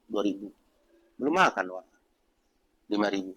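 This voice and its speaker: A man's voice: fairly low pitch, lively intonation, moderate pace, sharp tone, husky, dull audio. A man teaching a religious book study, explaining patiently and repeating key words. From North Sumatra. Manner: acts out short everyday exchanges. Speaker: Islamic teacher.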